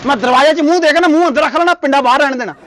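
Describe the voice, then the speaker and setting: A man's voice: very high voice, rapid-fire, fairly bright tone. A man with a Punjabi accent acting in a comedy sketch, scolding and indignant, stammering when flustered. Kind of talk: comic sketch dialogue.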